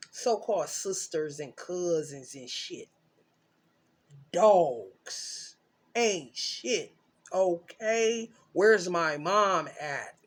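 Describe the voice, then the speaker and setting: Woman tarot reader, profane and rambling, loud bursts and mutters. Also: lowish voice, husky. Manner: cursing, loud and emphatic, swings between shouting and muttering.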